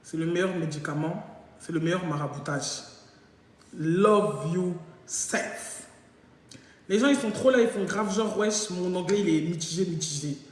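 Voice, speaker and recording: A woman tells a funny personal story to her live viewers, switching between her own voice and the other person's. Her delivery is playful and animated. The sound bounces around a bare, very echoey room, and the reverb hangs on after each phrase. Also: lowish voice, brisk. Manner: animated, jokey, acts out both sides of dialogue. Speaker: live-stream host. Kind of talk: casual storytelling monologue.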